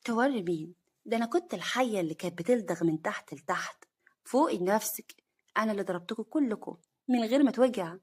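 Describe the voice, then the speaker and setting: A wronged young wife in a spoken family drama, as a woman narrator puts her on, talking fast in a husky, breathy voice. Her voice stays near the narrator's own mid pitch. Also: level tone, mellow. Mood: cold mocking. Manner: choked, then cold and mocking.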